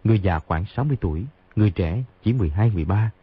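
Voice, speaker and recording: A man narrating a martial-arts novel in an expressive, brisk storytelling way. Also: fairly low pitch, husky. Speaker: audiobook narrator. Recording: tinny phone-like sound.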